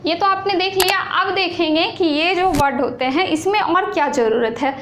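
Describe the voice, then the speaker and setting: High-voiced woman teaching in an echoey room. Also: a bit bright. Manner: slow, repetitive explaining with questions to students. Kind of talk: online exam-prep lesson. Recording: echoey room with faint noise.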